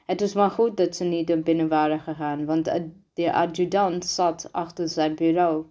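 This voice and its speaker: A woman reading a children's book aloud, halting often and restarting words as she stumbles over the text. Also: low voice, fairly even intonation, mellow. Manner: halting, frequent restarts and slips. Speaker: reader.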